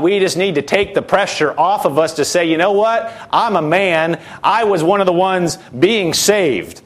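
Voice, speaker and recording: A man's voice: a little high, fairly bright tone. A man preaching a sermon, fervent and repetitive, with frequent hallelujahs.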